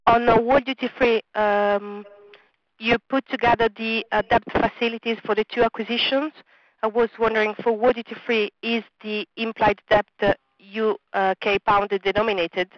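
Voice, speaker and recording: A woman's voice: a little high, level tone, normal speed, no room sound. A woman financial analyst asks her questions politely and carefully on an earnings call, with plenty of fillers. The phone line is dry and muffled, with no room sound.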